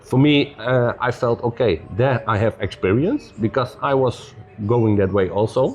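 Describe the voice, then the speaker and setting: A man telling stories as a podcast guest in loose, non-native English with many "you know"s, relaxed and upbeat. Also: mid-range voice, normal speed. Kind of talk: casual storytelling conversation.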